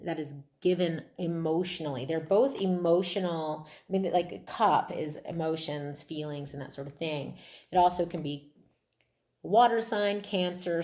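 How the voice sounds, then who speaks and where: Woman, low voice, tarot reader, casual intimate delivery, effusive, informal. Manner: informal, effusive, mild swearing.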